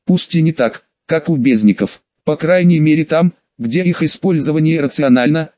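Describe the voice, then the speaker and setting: A man voicing a calm, matter-of-fact female ship's doctor who explains things in an instructive way, in an audiobook. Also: a little high, normal speed, no room sound, lo-fi sound, natural voice.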